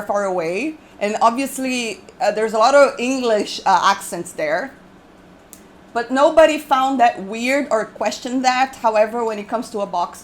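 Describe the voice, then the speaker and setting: A woman giving casual reaction commentary as the host of a video. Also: a little high.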